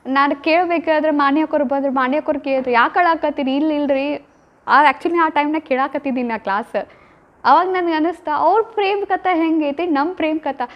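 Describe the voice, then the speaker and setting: A woman's voice: high-pitched, moderate pace. A woman giving a devotional talk, retelling love stories with emotive, acted-out lines. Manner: emotive, acts out quoted lines. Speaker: spiritual speaker. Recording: dull lo-fi recording.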